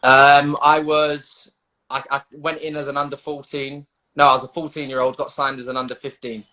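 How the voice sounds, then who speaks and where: A man's voice: mid-range voice, flat delivery, normal speed, sharp tone. A man with a London accent talking casually as an interviewed footballer, matey and slangy with hesitant phrasing, on a video call. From London, England.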